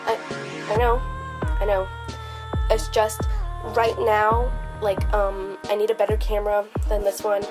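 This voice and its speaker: A woman's voice: mid-range voice, level tone, a little slow, pauses often, music in the background. A young girl vlogging to camera in casual chat, chatty and giggly, with lots of fillers.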